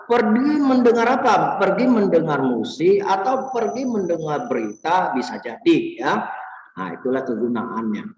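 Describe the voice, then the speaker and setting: A man teaching Mandarin vocabulary, explaining each word slowly and adding "ya" to check understanding. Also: on the high side, animated, a little mellow. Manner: slow, explanatory, frequent "ya" tags. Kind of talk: vocabulary lesson. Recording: echoey room, voice a bit distant.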